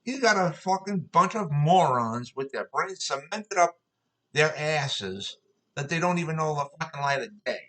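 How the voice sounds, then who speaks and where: A man's voice: on the high side, animated, a little slow, fairly bright tone, rough recording. A man ranting to camera about everyday annoyances, swearing often and telling his stories in an exasperated, repetitive way. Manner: profane, exasperated, repetitive storytelling. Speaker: vlogger. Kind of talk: angry ranting monologue.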